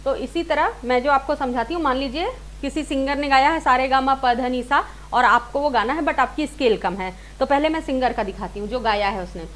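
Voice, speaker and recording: A woman with a high, fairly bright voice talks a little fast, hardly pausing, as she gives a casual singing lesson. She breaks things down step by step, going over points repeatedly in different words and mixing in English. Clear background hiss and noise run through the audio.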